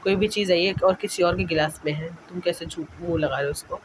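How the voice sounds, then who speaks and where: A man's voice: high-pitched, steady tone, fast talker. Chatty young man with a noisy recording. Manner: chatty, rambling, self-correcting. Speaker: vlogger. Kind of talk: casual vlog voice-over.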